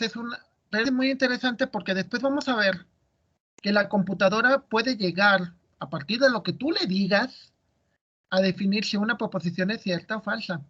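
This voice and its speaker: Male teacher, high voice, quizzing his students, muffled audio. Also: fairly bright tone. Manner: asks students questions, explains step by step. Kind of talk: classroom lecture.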